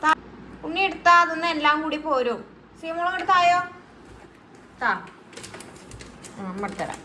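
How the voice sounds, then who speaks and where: High, bright coaxing mom voice. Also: female voice, animated, normal speed, slight background noise. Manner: sing-song, coaxing talk to a small child. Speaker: mother talking to her toddler. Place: home.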